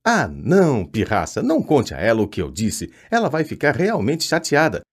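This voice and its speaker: A man's voice: mid-range voice, wildly swooping pitch, normal speed, slightly rough, voice pushed up, exaggerated voice. A man voicing a prim, anxious know-it-all schoolgirl.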